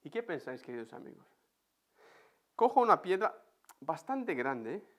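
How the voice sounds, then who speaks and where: High, lively Spanish pastor preaching. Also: male voice, normal speed. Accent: Spain Spanish. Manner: animated, vivid storyteller. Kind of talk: sermon with personal storytelling. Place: empty church.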